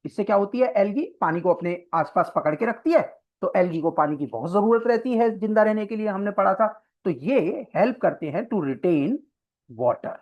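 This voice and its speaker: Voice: medium pitch, lively intonation, moderate pace. Teacher explaining step by step, slightly muffled. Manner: explains step by step, keeps checking in with "right?"; mixes English terms into Hindi explanation. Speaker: coaching teacher. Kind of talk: exam-prep biology lecture. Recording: slightly dull lo-fi lecture recording.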